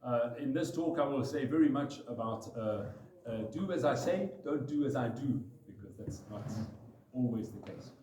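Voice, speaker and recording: A man's voice: medium pitch, animated, normal speed, warm tone. A man giving an informal, self-deprecating talk to a live audience, laughing often. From South Africa. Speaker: paragliding pilot giving a talk. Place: room with a gathered audience. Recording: echoey room, voice off-mic at times.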